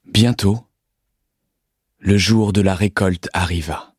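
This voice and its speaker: A man narrating a children's storybook, his voice low and a little husky. He reads calmly and steadily, close to a dry studio microphone. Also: dry recording. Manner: calm, measured reading.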